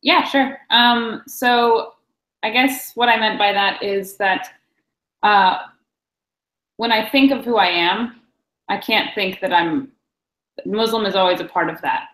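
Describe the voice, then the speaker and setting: A woman's voice: medium pitch, slow pace, long pauses, fairly bright tone. Female panelist, thoughtful and searching, heard in a reverberant room. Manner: reflective, searching for words. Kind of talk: panel discussion.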